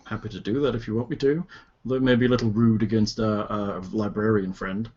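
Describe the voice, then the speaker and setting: A man's voice: lowish voice, fairly even intonation, fast talker, darkish tone. A man talking casually in character as a player in a tabletop role-playing game. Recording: dull lo-fi audio.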